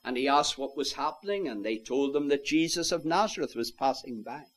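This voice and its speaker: A man preaching an evangelistic sermon, earnestly pleading with his listeners and rising to loud, impassioned calls. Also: medium pitch, animated, a little fast. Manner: old-fashioned biblical phrasing.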